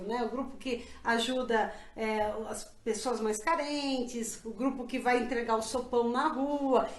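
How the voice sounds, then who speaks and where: A middle-aged woman from Brazil with a high voice answers interview questions earnestly and reflectively. She often restarts her sentences and leans on fillers. The recording carries a noticeable room echo. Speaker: interviewee, council pre-candidate. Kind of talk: casual interview. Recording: echoey room.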